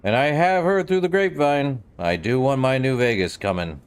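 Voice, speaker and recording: A man's voice: medium pitch, moderate pace, clear, resonant tone. A man doing casual let's-play commentary, offhandedly reacting and muttering to himself as he plays. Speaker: game streamer.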